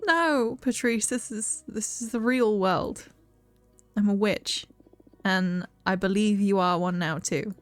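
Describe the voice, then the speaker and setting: A woman voicing a young fortune-teller witch in a video game, reading the dialogue softly and earnestly. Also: medium pitch, slow, soft background music, natural voice. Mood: surprised.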